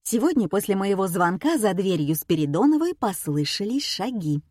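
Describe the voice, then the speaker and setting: A woman narrating an audiobook in the first person, wry and even. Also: medium pitch, moderate pace, dry recording, studio quality.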